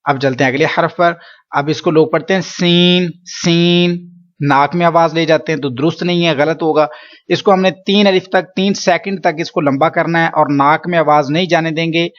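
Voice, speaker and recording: A man teaching Quran letter pronunciation, patiently explaining and drawing each sound out slowly for students to repeat. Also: on the high side, steady tone, fairly bright tone, dull audio. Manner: slow drawn-out letter drills, patient explaining. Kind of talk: pronunciation lesson.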